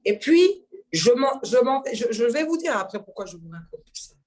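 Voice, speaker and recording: A woman's voice: a little high, moderate pace. A woman from Mayotte, a singer, telling her story in a casual interview, acting out dialogue and laughing often. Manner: lively, laughing, acts out dialogue. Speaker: guest singer.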